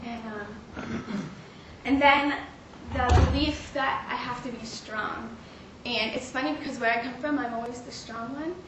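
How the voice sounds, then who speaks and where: A woman's voice: a little high, steady tone. Earnest young woman in a roomy echo. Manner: earnest, halting with frequent fillers. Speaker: speaker sharing a testimony. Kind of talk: personal faith testimony. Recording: roomy, distant mic with clear background noise.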